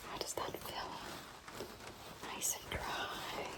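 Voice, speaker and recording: A woman whispering a bedtime story and tucking-in roleplay in a soft, gentle, soothing voice close to the mic. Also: slow. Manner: soft unvoiced whisper throughout. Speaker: ASMR storyteller. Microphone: close mic, whispering near the ear.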